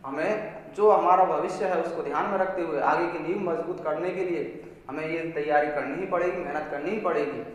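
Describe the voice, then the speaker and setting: A man with a high voice teaches a Hindi grammar lesson, drawing out each syllable slowly as he explains. His voice rings around a very echoey classroom. It trails off in a long reverb. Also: a bit bright. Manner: spells out sounds slowly, stressing each syllable. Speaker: school teacher.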